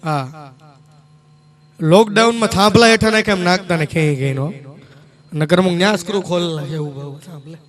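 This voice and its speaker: A stage comedian with a high, brisk voice tells jokes at a live show. Jokey and chatty, he speaks directly to the audience between stories.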